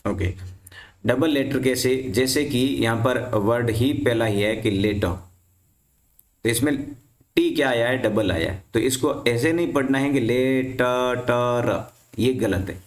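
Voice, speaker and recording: Man teaching in an echoey room. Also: mid-range voice. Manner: repeats questions to the class and answers them himself. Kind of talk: explaining English reading rules to students.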